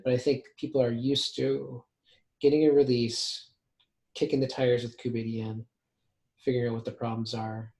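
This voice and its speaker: A man's voice: medium pitch, a little mellow. A man leading a technical meeting over a video call, talking casually with a dry, sarcastic humor. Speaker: meeting lead. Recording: roomy video call audio.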